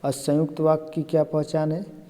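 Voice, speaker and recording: A man's voice: on the high side, flat delivery, normal speed, mellow, long reverb tail. A man teaching Hindi grammar for an exam, explaining each answer step by step and often asking "है ना?" to check along. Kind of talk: exam-prep lesson.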